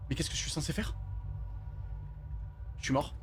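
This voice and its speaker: A man's voice: moderate pace, soft background music. A man giving live commentary on a horror game, jumpy, swearing and chatting with viewers. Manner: jumpy, swears, talks to chat. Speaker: streamer.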